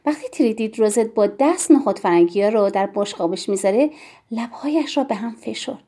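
A woman reading a novel aloud in the first person, in a measured and expressive way. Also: a little high. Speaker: audiobook narrator. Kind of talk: scripted first-person story narration.

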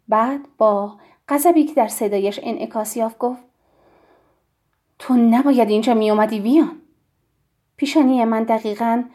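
A woman narrating a novel as an audiobook, in a hushed, intimate reading that drops to a whisper. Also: fairly high pitch.

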